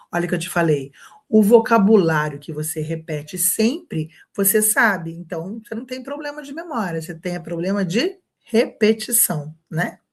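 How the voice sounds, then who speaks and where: A Brazilian woman teaching an online English lesson, chatty and encouraging, checking in with her students again and again. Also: fairly low pitch. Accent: Brazilian Portuguese.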